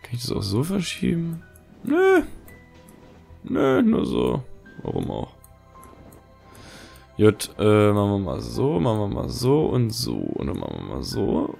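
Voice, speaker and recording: A man's voice: lowish voice, huge pitch swings, normal speed, gravelly, mellow, slightly rough, faint music behind. A man giving casual game commentary, muttering short questions to himself. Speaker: gaming video host. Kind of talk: casual let's play commentary.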